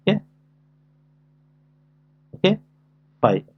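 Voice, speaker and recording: A man teaching a lesson, dictating notation symbol by symbol and posing short questions as he works through it step by step. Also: very slow. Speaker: lecturer teaching a class. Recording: dull, lo-fi audio.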